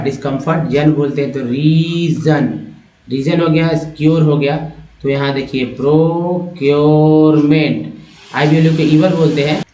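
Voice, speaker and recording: A man's voice: fairly high pitch, a little mellow. A man teaching English word parts to viewers step by step, addressing them as friends. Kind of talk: spoken phonics lesson. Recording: echoey room, dull lo-fi sound.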